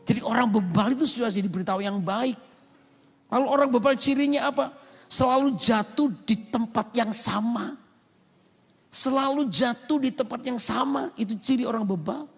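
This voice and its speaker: A male pastor with an Indonesian accent delivers a sermon, urging the congregation to answer amen. His voice sits high and has a husky, gravelly edge. It rings out through a large hall with a long echo. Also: moderate pace, faint music behind. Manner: emphatic, calls for amen responses. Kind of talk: sermon with acted anecdotes. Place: large rooftop church hall.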